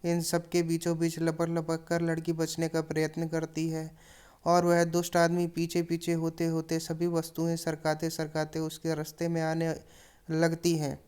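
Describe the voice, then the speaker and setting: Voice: medium pitch, completely flat delivery, measured pace, a little mellow, smooth. A teacher retelling a story chapter for students, with plain narration and casual asides to the class. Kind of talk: explaining a story lesson.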